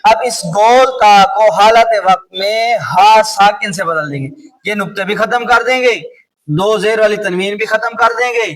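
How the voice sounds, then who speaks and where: A man with a Pakistani Urdu accent teaching a class on reading the Quran. He slowly repeats words over and over, quizzes his students, and sometimes calls out loudly. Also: high voice. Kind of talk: classroom lesson on Quranic recitation rules. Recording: distant mic with clear background noise.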